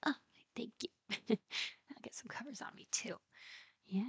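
A woman speaking in a soft, breathy whisper in an intimate roleplay recording, with frequent quiet giggles, close to the mic. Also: fairly high pitch, a little slow, dry recording.

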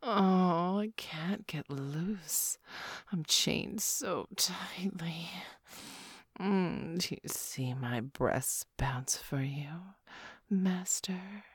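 Low husky whispery seductress, a woman playing her, slow and dry-sounding. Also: dry recording, heavily acted. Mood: seductive. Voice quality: breathy whispering. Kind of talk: erotic audio roleplay.

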